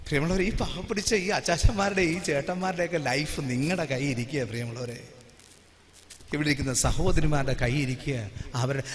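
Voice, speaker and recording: A man's voice: fairly high pitch, fairly quick, slight background noise. Man preaching in a reverberant hall. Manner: dramatic storyteller, swinging from hushed to loud. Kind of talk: sermon with personal testimony.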